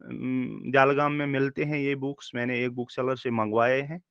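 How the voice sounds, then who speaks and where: A man teaching a recorded lecture, explaining slowly, repeating words and checking in with his students. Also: mid-range voice, fairly even intonation, gravelly, a bit bright, clean tone, dry recording. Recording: dull dry lo-fi recording.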